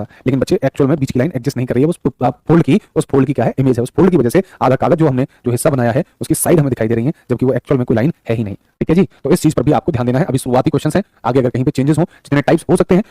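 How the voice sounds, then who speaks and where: His voice is husky and dark at a medium pitch, captured on a studio mic without echo. Running a live online class for exam preparation, this male teacher repeats himself, reads out what viewers type, and fondly calls students son and brother.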